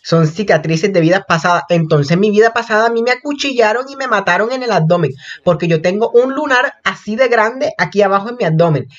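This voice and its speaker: A young man chatting through a reaction video in a gossipy, excitable way, breaking into high shrieks. His pitch leaps all over the place, and the recording sounds dull and lo-fi, like a home setup. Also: brisk, hardly any pauses. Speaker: reaction vlogger. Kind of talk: casual reaction commentary.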